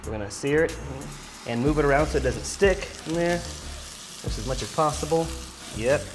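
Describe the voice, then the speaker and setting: A man's voice: on the high side, animated, normal speed, over music, poor audio. Upbeat man directing a cooking session. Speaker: cooking show host. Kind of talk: instructing a guest while cooking. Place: home studio kitchen.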